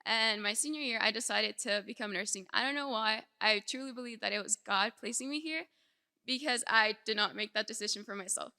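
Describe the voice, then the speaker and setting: A young woman, born in El Salvador and raised in Houston from age seven, is a nursing student giving an informal personal speech to an audience in a large indoor hall. Her voice sits on the high side and moves fairly quickly, bright and forceful with some vocal fry, and she talks conversationally, saying "like" a lot. The hall is echoey, with a long reverb.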